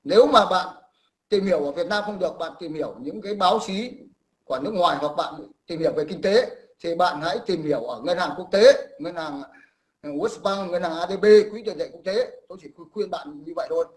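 A male host runs a live call-in stream in a fairly high voice. He lectures his callers in a condescending tone and keeps pausing to clear his throat.

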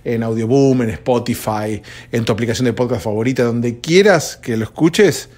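A man's voice: medium pitch, moderate pace, a little mellow. A sleepy man with a Rioplatense Spanish accent, rambling conversationally as a podcast host, recorded at home at dawn. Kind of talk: solo podcast chat.

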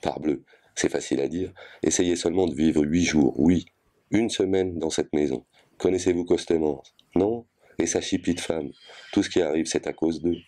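A volatile, bitter wife who rants on and on without taking a breath, in a very deep and dark voice, as a male reader voices her in a storybook. She swings between tears and spite, words tumbling out in long runs. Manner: voluble, ranting without pause.

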